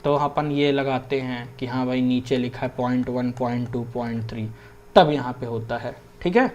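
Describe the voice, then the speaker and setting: A man's voice: medium pitch, fairly even intonation, normal speed, a little mellow, highs cut off, slight background noise. A young man explaining Hindi grammar in a casual lesson, often checking in with his listeners and mixing in English words. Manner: conversational, keeps checking in with "theek hai". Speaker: exam prep teacher.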